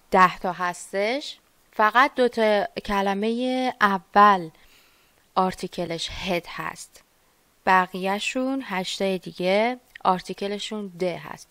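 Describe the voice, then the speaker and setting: A woman teaching a language lesson, explaining patiently and repeating each word slowly. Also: mid-range voice, fairly bright tone, clear, resonant tone, no echo.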